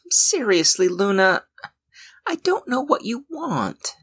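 A man playing a whiny, husky young apprentice. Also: very high-pitched, big pitch swings, takes it slowly, a bit bright, heavily acted. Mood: exasperated. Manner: exasperated, complaining. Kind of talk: audio drama acting.

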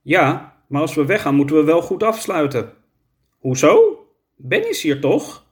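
A man's voice: on the high side, huge pitch swings, a little slow. A man voicing a friendly, naive, hospitable character in a children's story. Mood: curious.

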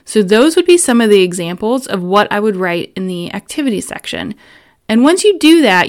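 A woman in her thirties hosts a solo instructional podcast, giving planning advice in an upbeat, orderly, step-by-step way. Her voice is mid-range.

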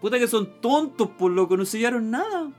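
A Chilean man with a Chilean accent, joining a casual chat with quick, laughing reactions. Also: extremely high pitch, lively intonation, a little mellow, faint music behind.

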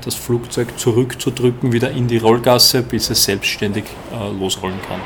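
A man with an Austrian accent giving measured, explanatory interview answers as a ground handling manager. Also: medium pitch, fairly even intonation, noisy background.

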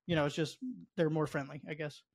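A man hosting a relaxed interview talks quickly in a voice pitched a bit above the usual for a man. He is chatty and blunt and swears casually. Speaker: host.

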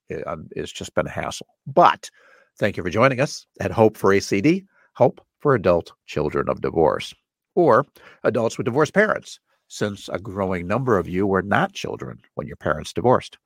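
A man's voice: lowish voice, gravelly, no room sound, clean studio sound. A male therapist hosting a podcast, talking in a congested voice in an earnest, conversational way. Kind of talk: solo podcast talk.

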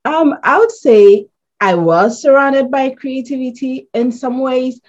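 A woman from Ghana, answering interview questions in a measured, thoughtful way and pausing with ums. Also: high voice, darkish tone, highs cut off. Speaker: guest artist.

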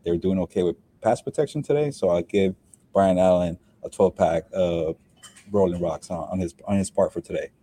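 A man's voice: sits low, normal speed, husky, dry recording. A young man, a sports beat reporter, chatting casually on a post-game podcast from inside a stadium, rambling with lots of fillers. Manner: relaxed and rambling, with many fillers and restarts. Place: inside a stadium, speaking quietly with people working around him.

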